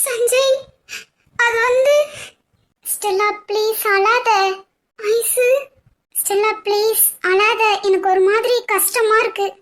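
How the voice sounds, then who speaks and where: A woman's voice: very high-pitched, measured pace. A woman voicing Karthi, an affectionate, emotional young wife in a cartoon, who pleads and teases and often sounds close to tears. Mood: tearful. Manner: pleading and teasing, often tearful. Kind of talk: cartoon voice acting.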